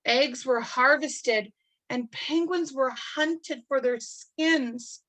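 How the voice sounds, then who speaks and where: A woman reading a picture book aloud to children, marveling in a gentle, teacherly way and adding chatty asides to explain things. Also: high-pitched, extremely slow, low-quality recording. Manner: adds chatty explanatory asides between passages.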